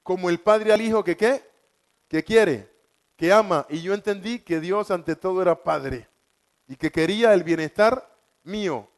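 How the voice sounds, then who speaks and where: High-voiced man preaching. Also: unhurried. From Colombia. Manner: fervent, repeats key words for emphasis. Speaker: preacher giving testimony. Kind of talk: evangelical testimony sermon.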